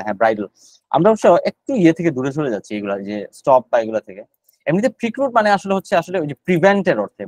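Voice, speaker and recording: A man's voice: on the high side, no echo, poor audio. A man teaching GRE vocabulary in a live online class, explaining each word in Bengali with English terms mixed in and repeating the words as he goes.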